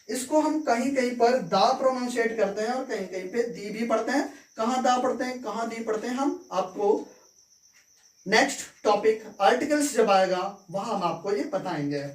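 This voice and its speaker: A woman teaching English phonics in a slow, repetitive way, checking understanding as she goes. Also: on the high side. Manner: slow, repeats words and meanings, checks with "ठीक है". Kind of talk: phonics lesson in Hindi. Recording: echoey room, voice from far.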